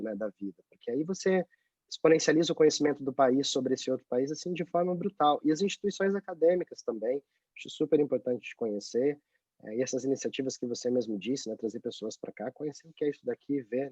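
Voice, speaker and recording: A man's voice: medium pitch, fast, slightly rough, dry recording. Chatty Brazilian man on a dull call. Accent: Brazilian Portuguese. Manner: chatty, tag questions, animated. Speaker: guest, journalist abroad. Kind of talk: casual interview over video call. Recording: dry, dull lo-fi call audio.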